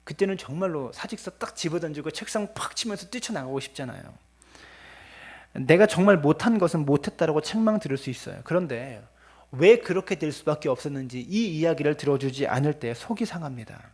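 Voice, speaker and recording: Husky-voiced man preaching a sermon. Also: on the high side, animated, fairly quick, a little mellow. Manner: earnest preaching, acts out scolding parents in quoted lines; addresses the congregation often. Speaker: pastor.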